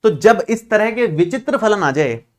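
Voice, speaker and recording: A man teaching math talks to his class in a chatty, reassuring manner, his voice sitting high with lively intonation. He teases the students and repeats steps slowly.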